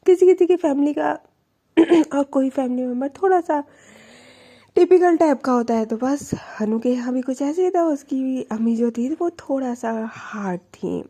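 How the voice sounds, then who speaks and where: A chatty young woman narrates a love story casually, tossing in English fillers. Her voice is high and mellow, with a soft, warm edge. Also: lively intonation, measured pace.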